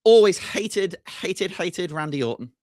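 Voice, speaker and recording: A man's voice: sits high, expressive, measured pace, darkish tone, no room sound, clean studio sound. A man guesting on a podcast, chatting in a friendly, self-deprecating way with frequent laughs. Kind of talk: casual chat.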